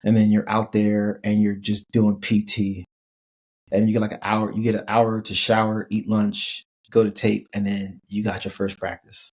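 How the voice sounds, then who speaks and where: A man's voice: lowish voice, normal speed, slightly rough. A man in middle age telling a laid-back, laughing story as a podcast guest, with a lot of casual fillers. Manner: relaxed, laughing, lots of "like" fillers. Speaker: podcast guest, former college football player.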